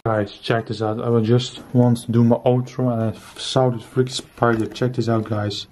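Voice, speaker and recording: A man's voice: medium pitch, level tone, moderate pace, dark tone, slight background noise. A man in his twenties talking casually and exclaiming in slang to viewers while exploring an abandoned house at night on a handheld camera. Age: 20s. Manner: exclamatory slangy talk, often addressing viewers. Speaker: urban exploration vlogger. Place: empty rooms and basement of an abandoned house. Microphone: handheld camera at arm's length.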